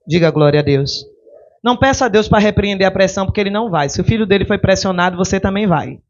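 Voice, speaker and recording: A woman's voice: fairly low pitch, a little mellow. A woman pastor, preaching animatedly and firing rhetorical questions at the congregation. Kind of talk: sermon. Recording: dull lo-fi recording.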